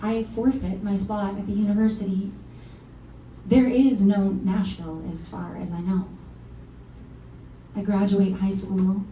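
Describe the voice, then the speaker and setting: A lead actress in a one-woman musical delivers a wry, confessional monologue at a live reading in a small performance space, playing a candid, self-mocking singer-songwriter near thirty who has come home. Her very dark, mellow voice sits at medium pitch, steady and a bit slow, natural, with casual cursing. She is miked from a distance in a spacious room, a faint instrument playing underneath.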